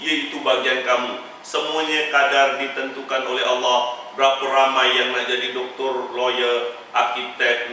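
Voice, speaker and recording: Bright-voiced Malaysian man teaching in an echoey hall. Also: medium pitch, slight background noise. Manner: lively, teasing, mimics chants and prayers. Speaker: religious teacher. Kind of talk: Quran tafsir class lecture. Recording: very echoey room, mic far off.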